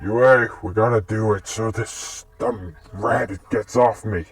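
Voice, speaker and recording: Man voicing a brash, mocking young gunslinger, unhurried and crude; dry, distant mic. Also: on the low side, steady tone, husky. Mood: dismissive. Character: cocky young male hero turned gunslinger.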